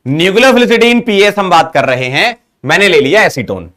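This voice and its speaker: Man teaching chemistry, coaxing, higher voice. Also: lively intonation, normal speed, a bit bright. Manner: coaxing, asks students questions and praises them. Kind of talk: online chemistry lesson.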